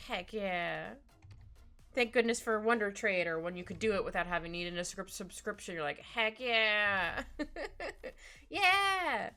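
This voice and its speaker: Bright and forceful, with a fairly low pitch, a woman talks casually during an art livestream as she draws. She's giggly and bubbly, rambles through asides, sounds slightly stuffy-nosed, and has background music behind her voice.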